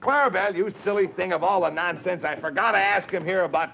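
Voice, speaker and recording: Man, old-time kids' show host, folksy exclamations, fairly high voice, noisy vintage TV sound. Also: fast, creaky. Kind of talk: old children's TV presenting. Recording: muffled, noisy old TV recording.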